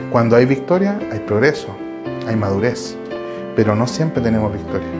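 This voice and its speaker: A man with a Chilean Spanish accent preaching a Bible study from his home, earnest and repeating his phrases. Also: medium pitch. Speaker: lay preacher.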